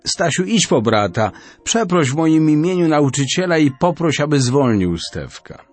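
A man's voice: on the high side, sing-song, unhurried, faint music behind, voice pushed up. A man voicing a caring father who speaks reassuringly to his son in an audiobook story. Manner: soothing.

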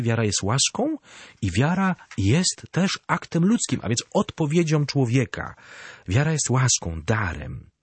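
Husky, animated priest teaching faith. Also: male voice, mid-range voice, no room sound. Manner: animated storyteller; addresses listeners directly. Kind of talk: catechism talk.

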